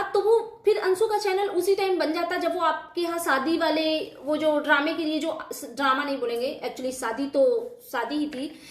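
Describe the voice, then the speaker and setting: A woman with a high voice talks through a reaction video, indignant and argumentative. She speaks straight to the person she is criticizing, in casual commentary. The sound is roomy, with a clear echo around her. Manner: indignant, argumentative, addresses her target directly.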